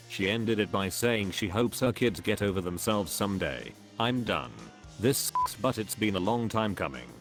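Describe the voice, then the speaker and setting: Low guy reading out a story, steady even delivery, bit of soft music under it. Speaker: narrator. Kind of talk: synthetic story narration.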